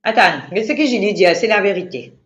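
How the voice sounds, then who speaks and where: A woman from Mauritius with a Mauritian Creole accent, chatting on the radio in an animated, repetitive, emphatic way. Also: medium pitch, normal speed. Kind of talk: casual radio chat. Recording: roomy lo-fi radio recording.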